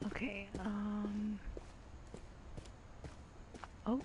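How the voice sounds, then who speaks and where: A woman's voice: mid-range voice, little pitch movement, extremely slow, slight background noise. A young woman giving casual, slangy, reactive commentary as she plays a game. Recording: loud game music behind. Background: loud game music.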